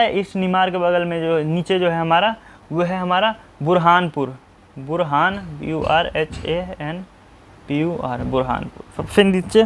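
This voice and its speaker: A man teaching how to draw a map. He keeps asking himself short questions and answering them, and he spells names out letter by letter. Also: high-pitched. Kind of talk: map-drawing tutorial.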